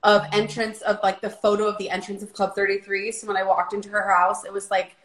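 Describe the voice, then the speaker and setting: A woman's voice: medium pitch, level tone, a little fast, a bit bright. Chatty woman guest in a roomy space. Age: 30s. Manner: chatty, easygoing. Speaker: podcast guest. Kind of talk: casual chat.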